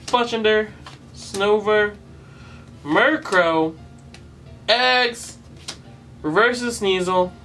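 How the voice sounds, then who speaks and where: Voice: medium pitch, pushed and bright, distant mic. A YouTube host opening card packs in casual commentary, listing card names one by one and groaning at weak pulls.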